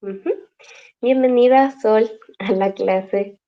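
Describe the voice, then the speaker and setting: A woman's voice: mid-range voice, takes it slowly, lo-fi sound. A woman teaching a language class over a video call, explaining patiently step by step and checking in with her students often.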